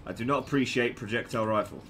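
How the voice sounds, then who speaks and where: A man's voice: medium pitch, fast talker, a bit bright, slight background noise. A man casually commenting on his own gameplay, joking and stammering through restarts.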